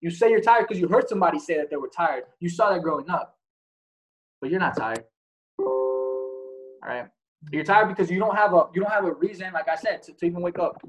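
Blunt high-voiced man. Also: lively intonation, a little fast, long pauses, a little hiss or hum, low-quality recording. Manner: blunt, swears, asks rhetorical questions. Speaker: podcast host. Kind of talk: casual motivational talk.

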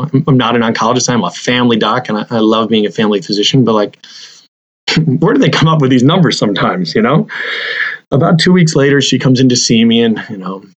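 A man in his forties, a family doctor, telling a personal story in a halting way, repeating words and filling pauses. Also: medium pitch, highs cut off. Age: 40s.

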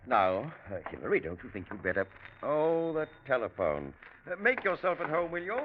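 A man's voice: mid-range voice, huge pitch swings, normal speed. An actor playing a courteous, flustered middle-aged father in a radio drama, fussy and hesitant. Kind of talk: mid-century radio drama acting. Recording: muffled old radio recording, faint noise.

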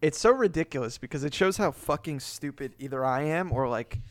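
A man's voice: fairly high pitch, lively intonation, a little fast, dry recording. A man hosting a podcast in casual chat, rambling with many restarts and frequent swearing. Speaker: podcast host.

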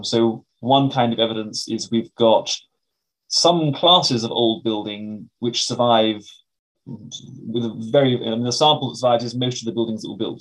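A man's voice: fairly low pitch, rough recording. A British man speaking as an academic interview guest, explaining things in a donnish, carefully qualified way.

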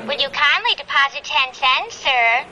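A woman's voice: sits high, expressive, moderate pace, sharp tone, heavily acted. An actress playing a polite female telephone operator asking for coins on a payphone call, speaking in formal, courteous operator phrases. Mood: prim. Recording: muffled old TV clip with hiss.

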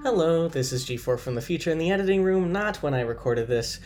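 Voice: mid-range voice, expressive, a little fast, darkish tone, faint music behind. An American graduate student in their twenties hosting a hobby podcast, chatting casually with wry, self-mocking asides. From United States. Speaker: podcast host.

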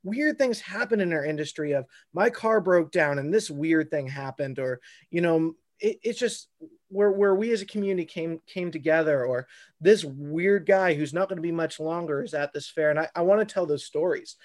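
A man's voice: a little high, normal speed. A middle-aged man chatting as an interview guest, rambling and laughing often. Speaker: guest, fair performer. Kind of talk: casual interview chat.

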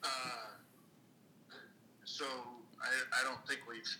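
A man heard over a speakerphone call while away at lunch, answering casually in a halting way with many fillers and restarts. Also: medium pitch, little pitch movement, sharp tone, rough recording. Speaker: whiskey blender called in.

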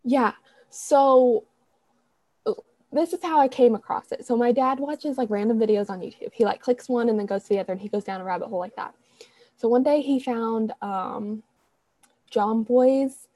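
Dark in tone and a little high, this young woman's voice comes through a dry recording. As a podcast co-host in casual chat, she rambles, self-corrects often, and uses many fillers.

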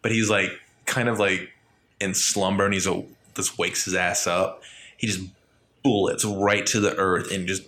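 Lower-voiced man, excited casual chat. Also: normal speed. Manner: excitable, profane, piles on vivid detail.

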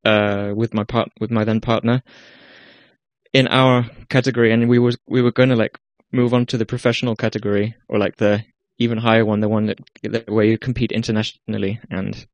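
A man's voice: lowish voice, flat delivery, fairly quick, no echo. A young man from Iceland with an Icelandic accent, a guest musician talking casually about his path and often restarting his sentences. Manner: hesitant, many restarts and fillers. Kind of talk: casual interview talk.

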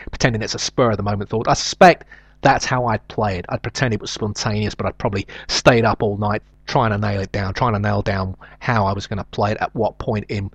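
A man's voice: lowish voice, husky, no echo. A middle-aged man with a nasal South London accent, hosting a show with a rambling, hesitant, self-deprecating comic monologue. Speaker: show host.

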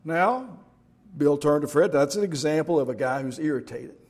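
A man's voice: on the high side, brisk, a little mellow. A middle-aged man preaching a sermon as pastor, telling jokes and stories in a folksy way. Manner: folksy joke-telling storyteller.

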